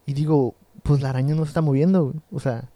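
A man's voice: on the high side, fast, no room sound. Young Mexican man telling a story. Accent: Mexican Spanish. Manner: animated, slangy, laughs while telling. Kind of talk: casual storytelling chat.

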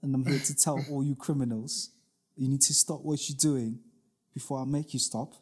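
A man playing a gruff male caped vigilante who threatens criminals, in a clumsy mock-British manner. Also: mid-range voice, fairly even intonation, normal speed, a little mellow, voice pushed up, lightly acted. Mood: menacing.

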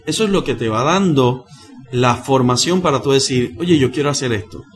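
A man, a missionary pastor who tells his story in a lively, dramatic way and slows down for the lines he quotes. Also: medium pitch. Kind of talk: animated personal storytelling.

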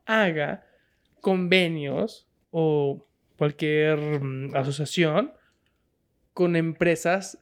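Mexican woman co-host, slangy and jokey, explains news with laughs, slightly low voice. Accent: Mexican, Guadalajara area. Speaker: podcast co-host. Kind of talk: casual comedic news chat.

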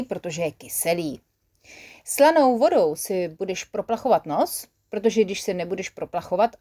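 A woman's voice: mid-range voice, warm tone, natural voice. Woman as a kind, firm storybook nurse creature. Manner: soothing yet firm, instructive.

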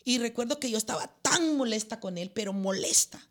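A woman pastor and prophet, telling her story in a lively way and acting out dialogue in a faith talk. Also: on the high side, brisk.

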